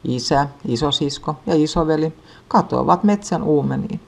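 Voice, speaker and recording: A woman with a notably low voice reads a children's story. Her delivery is calm and even, paced for young listeners. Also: creaky.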